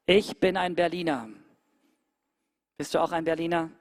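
Eine Frau hält eine emphatische Predigt und senkt dabei oft abrupt Tonhöhe und Lautstärke. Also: female voice, fairly even intonation, normal speed, dry recording, studio quality. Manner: emphatic, with sudden drops in pitch and volume. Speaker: preacher. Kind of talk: sermon.

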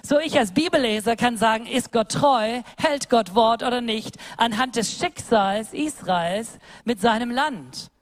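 A woman's voice: a little high, a little slow, few pauses. A woman from Germany preaching a sermon, speaking earnestly and directly to her listeners and voicing quoted words in changing tones. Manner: acts out quoted speech in a shifting voice.

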